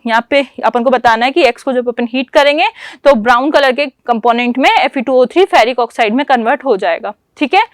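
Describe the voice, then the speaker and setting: High-voiced woman teaching chemistry step by step. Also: no echo, studio quality. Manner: explains step by step, asks and answers own questions; mixes English terms into Hindi. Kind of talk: exam paper walkthrough lesson.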